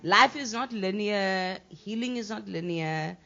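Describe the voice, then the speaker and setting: A woman's voice: medium pitch, a little slow, vocal fry, bright, forceful tone. Candid woman in her thirties, lo-fi. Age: 30s. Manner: candid, laughs after serious points. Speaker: panel guest artist. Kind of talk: panel discussion answer.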